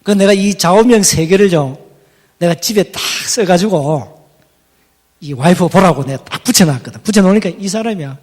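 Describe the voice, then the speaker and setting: A middle-aged pastor, preaching a folksy, teasing sermon. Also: male voice, sits high, expressive, moderate pace, darkish tone, in a large hall. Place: church hall.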